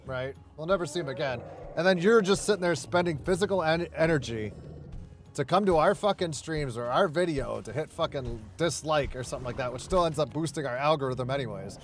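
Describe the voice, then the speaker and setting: A man's voice: fairly high pitch, a little fast. A man chatting casually with a friend while gaming, rambling and swearing heavily, with many restarts.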